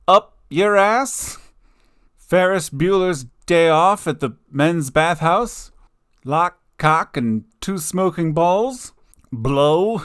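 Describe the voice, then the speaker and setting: Slow-talking joking male game commentator. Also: a little high, a bit bright, smooth, no room sound, studio quality. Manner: joking, mock-outraged, slow deliberate punchlines. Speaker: gaming video host. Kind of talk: casual let's-play commentary.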